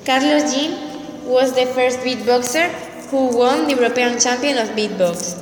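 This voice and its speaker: A woman's voice: high-pitched, a little slow. A woman with a Spanish accent explaining a step-by-step tutorial, enunciating carefully and repeating her instructions. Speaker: presenter. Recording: roomy hall echo, faint noise.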